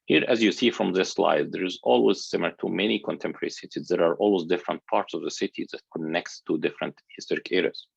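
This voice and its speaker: A man from Egypt delivers a conference lecture in a very low, gravelly voice with a husky edge. He talks earnestly and haltingly, often restarting his phrases. The sound is dry and dull, like a lo-fi recording. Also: no echo. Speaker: architecture researcher giving a talk.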